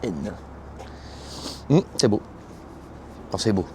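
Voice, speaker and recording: A young Frenchman vlogs on his phone at a cold, windy truck stop, bantering loosely in slangy French style straight to his viewers as a truck driver vlogger. His fairly low voice has a sing-song lilt and he takes his time, while faint traffic and outdoor noise run underneath.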